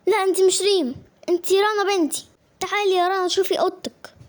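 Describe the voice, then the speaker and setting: A woman's voice: extremely high pitch, steady tone, fast. A woman voicing an obsessive neighbor who insists a girl is her daughter, in Egyptian Arabic. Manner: insistent, pleading.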